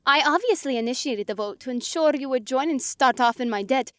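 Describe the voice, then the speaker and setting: A woman's voice: high voice, brisk, a bit bright, no echo, clean studio sound. A woman voicing a proud, condescending spider-woman alien in an audiobook. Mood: haughty. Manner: cold and condescending. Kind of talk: audiobook character voice.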